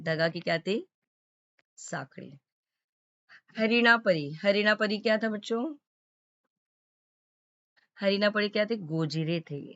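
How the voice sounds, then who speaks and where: A woman's voice: medium pitch, fairly bright tone, dry recording. Woman teacher for a kids' lesson video, patient, keeps checking understanding, dry, slightly dull sound. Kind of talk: explaining a school lesson to children.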